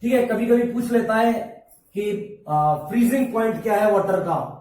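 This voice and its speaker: A male teacher giving a slow classroom lesson, repeating key terms and asking and answering his own questions. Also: high-pitched, animated, a little mellow, slight background noise. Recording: very echoey room, voice from far off.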